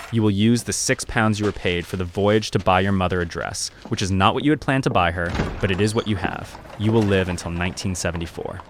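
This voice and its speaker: A man narrating a scripted story in second person, in a measured, grave and deliberate way. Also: on the low side, slight background noise.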